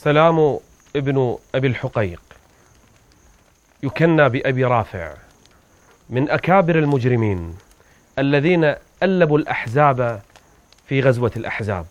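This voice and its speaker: A man's voice: medium pitch, expressive, normal speed, pauses often, dry recording, lo-fi sound. A man preaching in a vivid, dramatic storytelling manner as he recounts a religious history.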